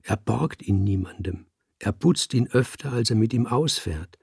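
A man voicing a despondent young male student who talks in a weary, sighing way, with a husky voice. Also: mid-range voice, animated, measured pace, a little mellow, no room sound, clean studio sound, full character voice. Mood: glum.

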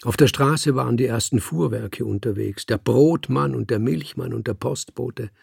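A man narrates a literary audiobook at an even, deliberate pace. His voice is gravelly and husky, with a medium pitch. The studio recording is dry and close. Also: no echo. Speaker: audiobook reader.

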